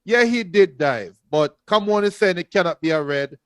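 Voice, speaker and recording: High-voiced joking man. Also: expressive, normal speed, clear, resonant tone, no room sound. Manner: jokey, reads out viewer shout-outs, laughs often. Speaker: watch-along co-host. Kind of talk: casual football watch-along banter.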